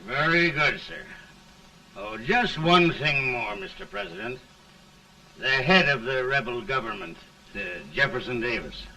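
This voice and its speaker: Army general in an old talkie, bright forceful voice, formal, sounds far from the mic. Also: male voice, medium pitch, sing-song, measured pace, vocal fry, full character voice. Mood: deferential. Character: brisk, respectful male army general reporting to president. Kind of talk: early talkie film acting. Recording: distant early 1930s film soundtrack.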